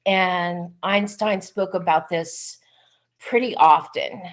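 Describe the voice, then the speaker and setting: A woman speaks at an easy, slow pace as she presents a webinar on a video call. She talks in a chatty way, with many "um"s along the way, like a psychic medium talking to her online audience. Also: on the low side, steady tone. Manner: unhurried, chatty, frequent "um"s, warm enthusiasm. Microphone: computer mic on a video call.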